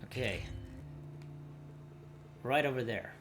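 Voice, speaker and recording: A man's voice: medium pitch, slow pace, background noise. A man doing casual video game commentary, talking through his plans and reading on-screen dialogue aloud.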